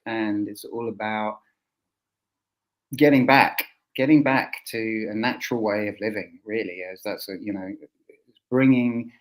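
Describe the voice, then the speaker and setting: Male roundtable host, southern English, lowish voice, halting thinking-aloud delivery. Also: fairly even intonation, low-quality recording. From Essex, England. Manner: hesitant, thinking aloud, rephrasing often. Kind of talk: informal roundtable presenting.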